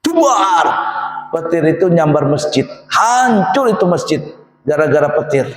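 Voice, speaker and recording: A man's voice: on the high side, lively intonation, moderate pace. A man preaching a humorous sermon, telling a story and acting out the characters, laughing at his own jokes. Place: mosque or Islamic boarding school hall. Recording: echoey hall, long reverb.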